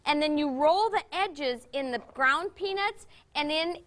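A woman's voice: high-pitched, expressive, unhurried, a bit bright. A middle-aged woman hosting a children's TV cooking segment, cheerfully coaxing the kids with questions. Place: bright TV studio kitchen set.

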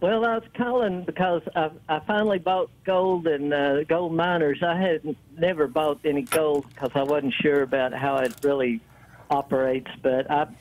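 A man's voice: a little high, steady tone, normal speed. A man with an East Tennessee Appalachian accent chatting casually as a caller to a show. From East Tennessee, United States. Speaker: call-in caller. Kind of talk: casual phone chat. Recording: tinny, narrowband phone line.

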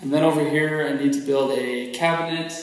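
A man's voice: on the high side, fairly even intonation, a little fast. Chatty young man in an echoey basement. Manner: upbeat, chatty walkthrough. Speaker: DIY vlogger. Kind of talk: casual vlog narration. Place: basement workshop, indoors. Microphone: handheld camera at arm's length. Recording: echoey bare room.

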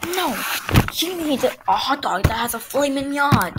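A woman's voice: sits high, animated, moderate pace, heavy background noise. A woman voicing a strict, angry rich mother who scolds her kids with bossy commands. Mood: indignant. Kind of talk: casual game role-play voicing.

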